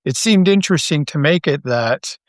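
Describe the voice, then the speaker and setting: A man's voice: fairly high pitch, expressive, normal speed, no room sound. Canadian man talking as a guest, dry sound. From Toronto, Canada. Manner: thoughtful, many restarts and stammers. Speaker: podcast guest, writer and creator. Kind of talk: casual interview chat.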